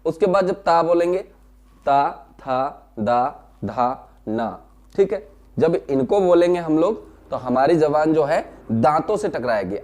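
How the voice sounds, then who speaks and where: A man teaching a lesson, explaining slowly, sounding out syllables one by one, asking questions and answering them himself. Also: on the high side, darkish tone. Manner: explains slowly, repeats key terms and answers his own questions. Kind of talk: classroom lesson.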